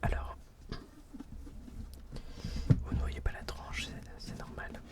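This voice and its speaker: A man's voice: takes it slowly, distant mic. Whispering man, right in your ear. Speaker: ASMR video host presenting old books. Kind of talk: whispered ASMR. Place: indoors at home. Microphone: close binaural microphone.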